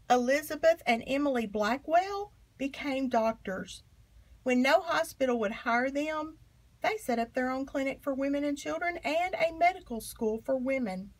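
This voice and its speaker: Reading a children's picture book aloud, a woman with a rather high voice uses expressive, emphatic phrasing meant for young listeners. The audio quality is poor.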